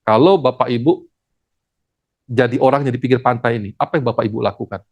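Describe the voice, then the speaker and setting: A theology lecturer giving a lively classroom lecture, acting out stories and asking the class questions. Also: mid-range voice, quick pace, dry recording. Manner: animated, acts out stories, asks the class questions.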